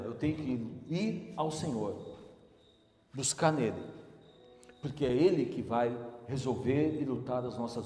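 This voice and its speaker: A male pastor preaching a sermon slowly and emphatically, his passion rising. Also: mid-range voice, mellow. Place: church sanctuary. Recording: echoey church hall with music.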